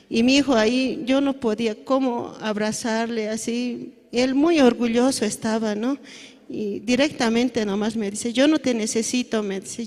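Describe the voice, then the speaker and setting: A middle-aged woman gives a halting, earnest personal testimony at a church service, often tagging her phrases with little questions. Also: fairly high pitch. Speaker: church member giving testimony. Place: church hall. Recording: long church-hall reverb.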